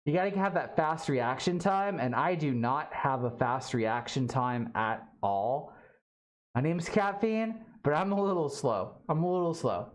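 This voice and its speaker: A streamer from Alabama chatting casually on a livestream from a home studio, halting and rambling with many fillers and restarts. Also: medium pitch, lively intonation. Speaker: livestream host.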